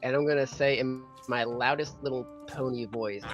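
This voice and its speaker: A woman's voice: rumbling low, steady tone, normal speed, muffled recording, music in the background. A woman chatting casually as a player in a tabletop game.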